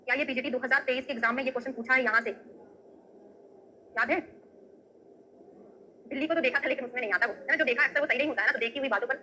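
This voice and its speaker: A woman's voice: sits high, racing, pauses often, pushed and bright, a little hiss or hum, rough recording. A woman teaching an exam-prep lecture, often asking students questions and checking with "right?" as she gives memory tricks. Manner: memory tricks and everyday examples. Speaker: Ayurveda teacher.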